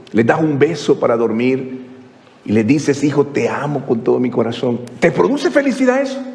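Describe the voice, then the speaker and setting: A male pastor preaching a sermon, asking rhetorical question after question and swinging from hushed to exclaiming. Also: on the high side, big-room sound. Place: church.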